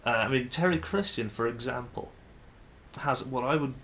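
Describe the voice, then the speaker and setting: Speaking at a normal pace with a fairly bright, medium-pitched voice, a Manchester-area man in his twenties vlogs to camera in a northern English accent. He rambles, puts himself down and keeps restarting, and a slight hiss or hum sits under the audio.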